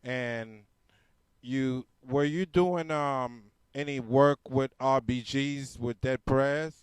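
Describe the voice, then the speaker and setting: Laid-back podcast host man, smooth voice. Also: medium pitch, steady tone, slow pace, dry recording. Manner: laid-back, short backchannels. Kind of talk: casual interview.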